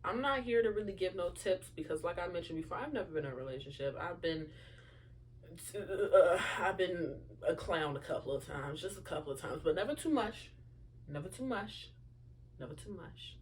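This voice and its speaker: Young female host, early twenties, low voice, rambling casual asides, faint room hum. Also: animated, moderate pace. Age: young adult. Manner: chatty, lots of fillers and asides to listeners. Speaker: podcast host. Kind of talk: casual solo chat.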